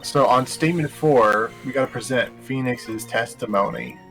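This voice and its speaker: A man's voice: medium pitch, moderate pace, fairly bright tone, rough recording. A man co-hosting a gaming show, bantering casually with friends. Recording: music behind the voice.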